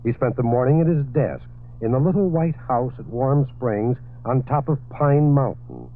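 A man's voice: medium pitch, moderate pace. Man reading 1940s radio news. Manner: steady reading with occasional fillers. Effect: old 1940s radio broadcast. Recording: tinny old radio broadcast.

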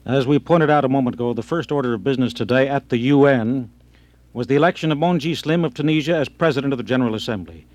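A man with an average-pitched voice presents scripted radio news as the anchor. He explains things in an orderly way and links the reports together. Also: fast, a little mellow, dry recording.

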